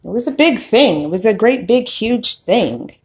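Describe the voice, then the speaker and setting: A woman in her thirties, a podcast host, telling her own story in a slow, candid and reflective way. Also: on the high side, lively intonation. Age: 30s. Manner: slow, reflective, candid with occasional soft laughs. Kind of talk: personal storytelling monologue.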